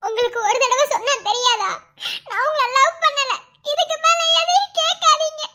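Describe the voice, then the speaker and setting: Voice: very high-pitched, steady tone, moderate pace, pushed and bright. A voice actor playing a young woman who firmly turns away her former lover in a cartoon love story. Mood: cold, firm. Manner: firm, curt.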